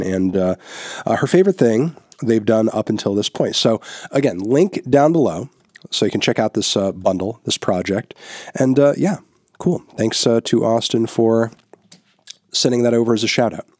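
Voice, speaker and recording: Sick and stuffy-nosed, a man hosts a casual, opinionated music review in a fairly low voice at normal speed. He's relaxed, uses frequent filler words, and gives blunt verdicts. The large boom-mounted studio mic in front of him, in a small newly set-up room, yields studio-quality sound with no echo.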